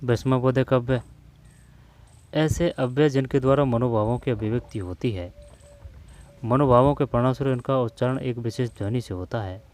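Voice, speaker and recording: A man teaches Hindi grammar at a slow pace, drilling vocabulary by naming each term and saying it again and again. He addresses his students as "brother," and his voice is mid-pitched with a darkish tone.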